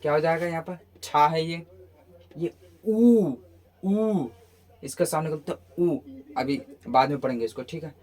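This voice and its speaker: A man's voice: fairly high pitch, fairly even intonation, a little fast. A man teaching a phonetics lesson who asks questions and answers them himself, repeating each sound several times in drills. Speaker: English pronunciation teacher.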